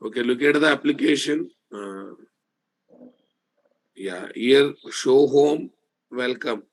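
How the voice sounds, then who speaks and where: A male programming instructor speaks with a Telugu Indian accent at a slow, deliberate pace. His pitch sits in an average range for a man. He delivers a live online lecture, restating points with emphasis and often asking listeners to confirm. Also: rough recording. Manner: repetitive, emphatic, with rhetorical check-in questions.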